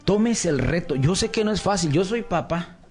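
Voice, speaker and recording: A man's voice: high-pitched, expressive, normal speed, darkish tone. Earnest man, music behind. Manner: earnest, storytelling, many restarts.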